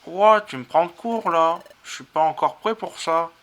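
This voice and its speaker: A man's voice: on the high side, moderate pace, fairly bright tone, slight background noise, pitched above the performer's own voice, natural voice. A man voicing a naive, eager young Pokémon that stammers and uses old-fashioned exclamations. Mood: flustered.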